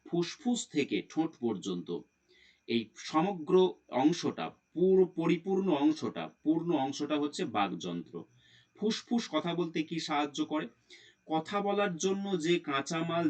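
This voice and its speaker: A male teacher giving an exam-prep grammar lesson, explaining step by step and putting questions to the class before answering them himself. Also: medium pitch.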